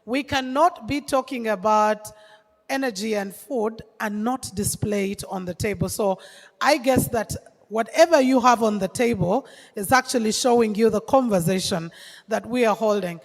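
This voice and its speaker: A woman's voice: fairly high pitch, moderate pace, gravelly. A woman emceeing a live event, upbeat and chatty with the crowd. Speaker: master of ceremonies. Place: large conference hall. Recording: long reverb of an event hall.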